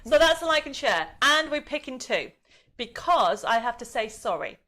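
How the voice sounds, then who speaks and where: A woman's voice: fairly high pitch, very animated, normal speed, sharp tone. A woman hosting a craft live stream, chatting informally and casually with viewers. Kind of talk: casual chat, greeting viewers.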